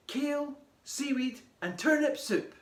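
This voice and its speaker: A man voicing a loud, theatrical mother in a storybook reading. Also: very high-pitched, expressive, a little slow, roomy sound, pitched above the performer's own voice. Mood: proud. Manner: shouty, theatrical. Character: loud, bossy mum of a boy.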